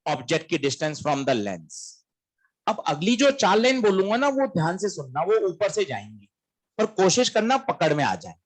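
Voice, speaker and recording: A man's voice: high-pitched, very animated, unhurried, husky. A man teaching a physics lesson in a classroom-lecture style, quizzing students and answering his own questions in a coaxing, emphatic way.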